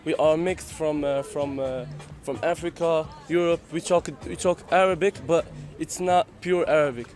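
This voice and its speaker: A man's voice: a little high, steady tone, normal speed, few pauses, a little mellow, soft background music. An eighteen-year-old man from Morocco, speaking hesitantly with many fillers, outdoors by a bus. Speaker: basketball player.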